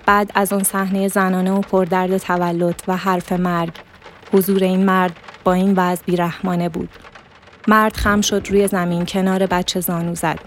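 A woman reading a literary story aloud as narrator, in a steady, measured manner. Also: on the low side, a little hiss or hum.

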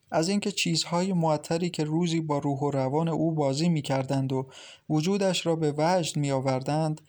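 Guy reading a novel audiobook, kinda high voice, steady even pace. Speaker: audiobook narrator. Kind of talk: scripted novel narration.

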